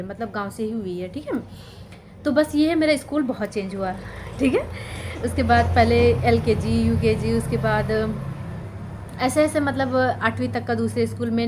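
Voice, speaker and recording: Young woman, from Sultanpur India, teacher, casual storytelling, conversational, somewhat high voice. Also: a little mellow, slight background noise. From Sultanpur district, Uttar Pradesh, India. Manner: conversational, checks in with "ठीक है?" often. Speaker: teacher and YouTuber.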